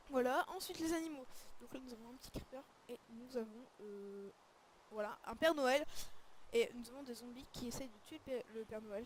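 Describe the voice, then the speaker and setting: Woman video creator, casual and hesitant, voice a bit high. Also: slight background noise. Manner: hesitant, often searching for words. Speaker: video creator presenting a game texture pack. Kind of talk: casual screen-recorded commentary.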